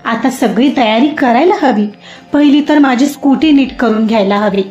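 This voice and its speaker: Woman doing an expressive young heroine for an audio story, high voice, roomy lo-fi sound. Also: moderate pace, close to an everyday voice. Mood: excited. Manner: chatty, expressive. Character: lively young woman, chatty and emotional. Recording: roomy muffled recording, soft music.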